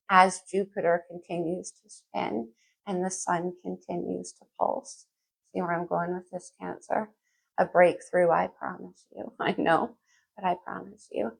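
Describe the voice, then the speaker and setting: A woman's voice: fairly low pitch, vocal fry, slightly rough. A woman astrologer giving a casual tarot reading, musing aloud to the listener, her speech slightly muffled. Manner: conversational, musing aloud, addressing the listener directly.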